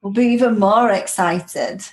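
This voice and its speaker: A woman's voice: medium pitch, unhurried, low-quality recording. A woman, a yoga teacher, chatting enthusiastically as a guest on a podcast in long, flowing sentences. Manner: enthusiastic, gushing, talks in flowing run-on sentences. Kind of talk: casual podcast chat.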